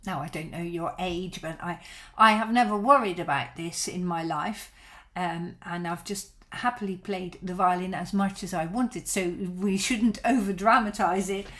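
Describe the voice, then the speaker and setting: Speaking at a moderate pace in a fairly low, fairly bright voice, a middle-aged Dutch-speaking woman teaches violin and chats on a live stream. She answers viewer questions in a reassuring way.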